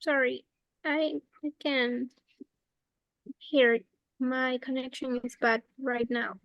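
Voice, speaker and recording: A woman student speaks into a video call whose connection keeps cutting out, so her words come through in choppy, stuttering bursts. Her voice is high and her pace slow. She halts and repeats herself. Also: fairly even intonation, dry recording, muffled recording. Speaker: student in an online class. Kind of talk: answering in a language lesson.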